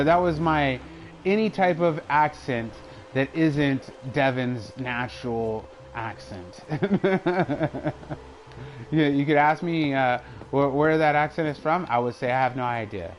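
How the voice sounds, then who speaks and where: A man's voice: medium pitch, a little hiss or hum, poor audio. A young man streaming a game, chatting in a rambling, casual way and laughing often. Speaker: live streamer. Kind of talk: casual chat while gaming.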